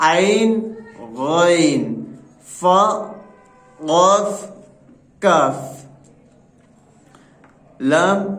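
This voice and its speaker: Male Arabic tutor with an Indian Hindustani accent, fairly high voice, patient letter drills, echoey room. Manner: explains patiently, repeats each letter sound slowly. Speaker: Arabic teacher. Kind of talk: slow spoken lesson with letter drills.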